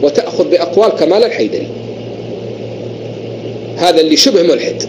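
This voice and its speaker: A man's voice: a little high, fast, background noise. A man arguing in an online religious debate, stacking his points in long rhetorical lists. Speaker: debater in an online voice chat room.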